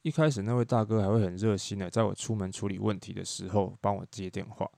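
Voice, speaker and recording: Podcast host, man, solo storyteller, rapid and chatty, dry close mic. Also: on the low side, gravelly, dark tone, dry recording. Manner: chatty, wry storytelling with quoted dialogue. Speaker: podcast host, tour leader.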